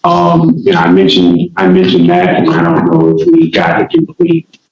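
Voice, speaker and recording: A very low-voiced man pleads his case as a defendant, stumbling and restarting his sentences. This is a courtroom recording, picked up from a distance by the room's mic. The sound is muffled and washed in heavy courtroom echo. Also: very animated, moderate pace, slight background noise. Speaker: self-represented defendant. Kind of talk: courtroom speech. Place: large courtroom.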